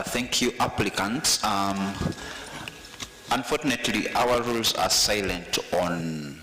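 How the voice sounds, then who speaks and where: Very deep husky man as chair, careful formal ruling, forceful tone. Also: poor audio. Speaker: committee chair.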